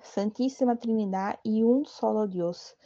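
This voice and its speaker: Woman prayer leader, deep mellow timbre, steady devotional recitation, muffled lo-fi recording. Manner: measured, steady recitation with a human slip.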